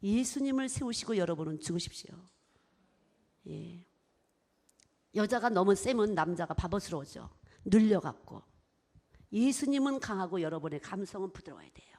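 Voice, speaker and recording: A woman preaching a sermon. She swings between soft whispers and loud, emphatic bursts, and acts out little exchanges as she talks. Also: medium pitch, normal speed, long pauses. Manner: expressive, acts out little exchanges in her talk.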